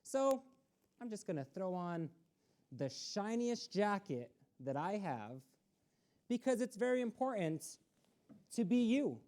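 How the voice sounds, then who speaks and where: Warm and sing-song, a mid-pitched woman's voice moves slowly, with frequent pauses. She reads a picture book to children on community TV storytime from an access studio, talking right to them in an encouraging way.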